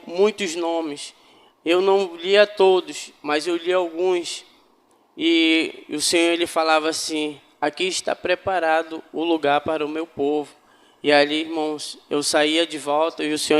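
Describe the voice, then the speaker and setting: A man's voice: a little high, smooth, big-room sound. A man giving a fervent spiritual testimony to a congregation, often calling them brothers. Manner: fervent, addresses listeners as brothers. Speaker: church member giving testimony.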